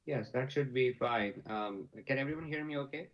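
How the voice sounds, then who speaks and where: A man presenting as a consultant over a video call, halting with many fillers and restarts. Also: mid-range voice. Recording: dull lo-fi video call audio.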